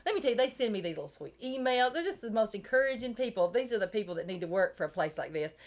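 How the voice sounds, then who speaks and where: A woman's voice: medium pitch, big pitch swings, fast talker. A woman with a Southern US accent hosting a local TV talk show, chatty and enthusiastic. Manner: chatty, enthusiastic, laughs often. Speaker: chamber of commerce show host.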